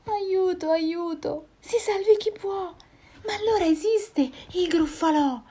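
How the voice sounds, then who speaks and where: A woman voicing a small, clever, boastful male mouse in a storybook reading, chirpy and quick-witted. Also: fairly high pitch, big pitch swings, warm tone, pitched above the performer's own voice. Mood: panicked.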